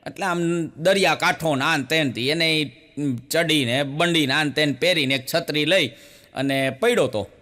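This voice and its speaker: Animated and at a moderate pace, a Gujarati-accented man performs folksy stand-up stories, raising his pitch when playing the women in his jokes.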